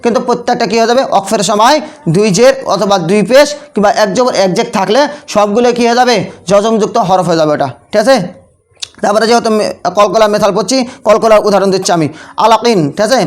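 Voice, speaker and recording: A man's voice: high-pitched, fast talker. A man teaches tajweed as a classroom lesson. He keeps asking rhetorical questions and answers them himself. He often checks in with short tag questions. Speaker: Quran recitation teacher.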